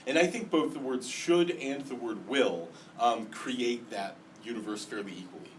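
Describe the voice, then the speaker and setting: Explaining debate to a class one step at a time, a man speaks at normal speed in a mid-range voice, with a slight lisp today and frequent ums and restarts. He's recorded on a distant mic with faint background noise.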